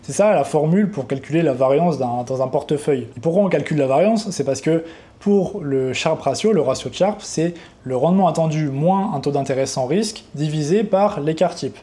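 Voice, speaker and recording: Young man, casual coding tutorial, rambling, mellow tone, slightly high voice. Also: brisk. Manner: casual, rambling, talks straight to the viewer. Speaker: trading educator.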